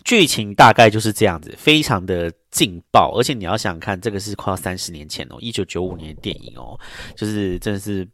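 A man's voice: lowish voice, lively intonation, fast talker, fairly bright tone, no room sound. A man hosting a podcast, telling a story in a casual, rambling way with many fillers. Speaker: podcast host.

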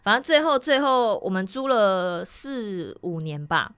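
A woman's voice: measured pace, smooth. A woman in her late twenties or thirties with a Taiwanese Mandarin accent, telling a story in casual podcast chat and animatedly acting out the people in it. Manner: animated, acts out quoted people with big pitch jumps. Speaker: podcast co-host.

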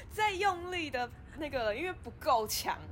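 High-pitched giggly woman. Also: wildly swooping pitch, faint music behind. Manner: giggly, reactive, quick quips. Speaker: podcast co-host. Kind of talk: casual chat.

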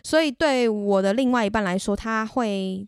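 In a dry, studio-quality recording, this podcast host speaks on the high side at normal speed with a clean tone. She has a Taiwanese Mandarin accent and casually recounts something from her own life, candid and chatty, poking fun at herself.

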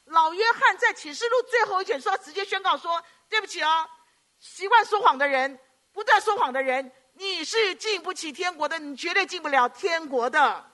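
A middle-aged woman from Hong Kong, preaching a sermon with animated storytelling and frequent rhetorical questions. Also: very high voice, normal speed.

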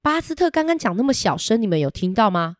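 A woman with a Taiwanese Mandarin accent reading a picture book aloud to children, asking them lively questions. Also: medium pitch, quick pace, dry recording, clean studio sound. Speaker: children's storyteller.

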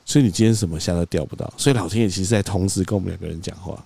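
A man, co-hosting a podcast, telling a story in an animated way and acting out quoted lines. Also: sits low, racing, creaky, slightly rough, dry recording. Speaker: podcast co-host. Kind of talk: casual storytelling chat.

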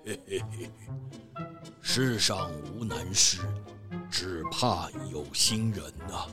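A man voicing a wise, kindly old grandfather who talks slowly and chuckles between his sayings. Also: low-pitched, over music. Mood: kindly, warning. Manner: slow, chuckling, proverb-like speech. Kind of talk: storybook character voice.

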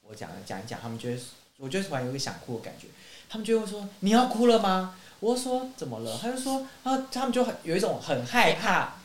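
Fast-talking woman in an echoey room. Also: on the low side, very animated. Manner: eager, chimes in, finishes others' sentences. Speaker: podcast co-host. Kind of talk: casual chat. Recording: echoey room with faint hiss.

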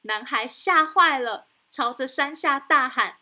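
A woman with a Taiwanese Mandarin accent hosting a children's story show, narrating in a gentle, sing-song way to young listeners. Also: sits high, a little slow. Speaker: storytelling host.

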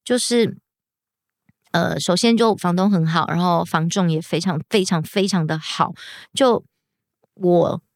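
A young woman tells a story to her podcast listeners in a casual, animated way. Her voice sits a little low, and the recording is dry and close with no room sound. She acts out the people she quotes in lively voices. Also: unhurried, pauses often, dry recording. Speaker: podcast host.

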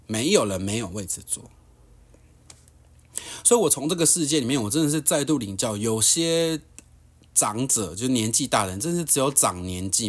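Young male podcast host, Taiwanese Mandarin, heated ranting storyteller. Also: medium pitch. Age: young adult. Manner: heated, blunt, swears.

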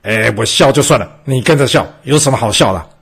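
A man voicing a gruff, curious male enemy general who talks bluntly. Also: mid-range voice, lively intonation, fairly quick, a bit bright, soft background music.

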